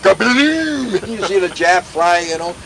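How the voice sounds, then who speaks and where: An older veteran telling war stories in a rambling, folksy way, full of restarts and sound effects. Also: male voice, sits high, flat delivery, normal speed, a bit bright, a little hiss or hum, poor audio. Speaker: veteran interviewee. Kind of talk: oral history war reminiscence.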